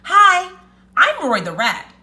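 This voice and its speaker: A woman voicing a clever, excitable little male rat in a storybook read-aloud, with an emphatic, chanting, exclamatory delivery. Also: extremely high pitch, takes it slowly, voice pushed up, full character voice. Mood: chanting, proud.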